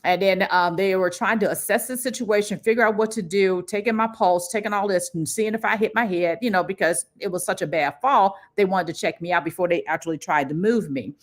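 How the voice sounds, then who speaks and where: A woman's voice: medium pitch, brisk, few pauses. A middle-aged woman, the host of her own livestream, telling a personal story casually and acting out what people said. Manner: lively storyteller who acts out what people said. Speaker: livestream host and career coach.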